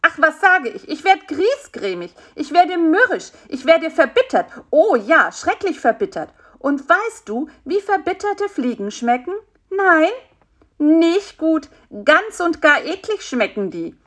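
A squeaky, nagging little male fly from a storybook, done by a woman reading aloud. He chatters in a voice pushed far up and swoops all over the place, pleading and self-important in turn. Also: big pitch swings, moderate pace, fairly bright tone. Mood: dramatic.

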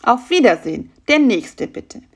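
A woman's voice: fairly high pitch, very animated, slightly rough, pitched above the performer's own voice, exaggerated voice. Doktor Schnake, a woman doing a fussy mosquito dentist. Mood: brisk. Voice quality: brisk, professional, politely fussy.

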